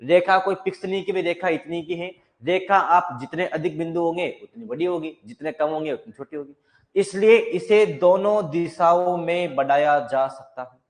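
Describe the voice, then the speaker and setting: A man's voice: fairly high pitch, moderate pace. Man teaching maths, step by step. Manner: explains step by step, repeating key points as questions to students. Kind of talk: classroom lecture.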